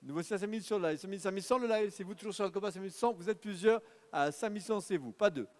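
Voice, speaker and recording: A man with a high voice calls out bids at a car auction, rattling off numbers in a rhythmic patter and urging the bidders on. His voice rings with a long reverb across the auction hall. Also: a little mellow. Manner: rapid rhythmic bid calling, urging bidders. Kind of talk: live car auction calling.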